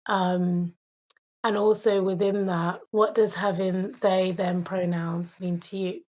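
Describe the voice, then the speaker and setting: A woman's voice: on the low side, little pitch movement, slow pace, darkish tone. A woman co-hosting a podcast, chatting casually and bubbly, with giggles and frequent "like". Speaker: podcast co-host. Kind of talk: casual chat among friends.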